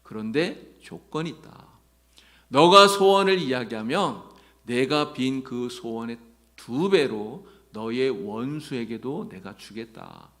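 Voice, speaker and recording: A man's voice: medium pitch, animated, slow, fairly bright tone. A pastor voicing a stern male angel who offers a young man one wish, in a solemn commanding way.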